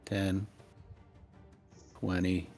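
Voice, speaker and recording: A man's voice: low-pitched, flat delivery, drawn-out words, a little mellow, soft background music. A man playing a tabletop role-playing game, narrating his character's actions in the first person.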